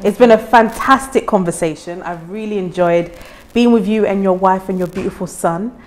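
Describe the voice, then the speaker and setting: A woman from Ghana, raised in the UK, hosting an interview and encouraging her guest with warm, frequent agreement. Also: medium pitch, moderate pace. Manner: warm, encouraging, lots of backchannel. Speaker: host.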